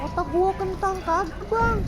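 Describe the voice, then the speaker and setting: A man's voice: very high voice, moderate pace. A man playing a sassy, cheeky effeminate character with crude, flirty banter in an online role-play game. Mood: playful. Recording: noisy game voice chat, street and animal sounds.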